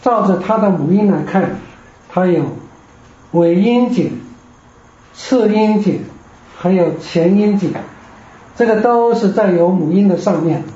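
A man's voice: sits high, measured pace, pauses often, dark tone. A man teaching a Greek grammar class, explaining patiently step by step. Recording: echoey room, dull lo-fi.

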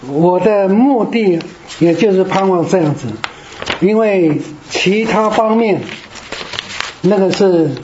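A man's voice: sits high, mellow, slight background noise. A man teaching Greek to a class, explaining patiently step by step. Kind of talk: classroom lecture. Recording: roomy, dull lo-fi classroom recording.

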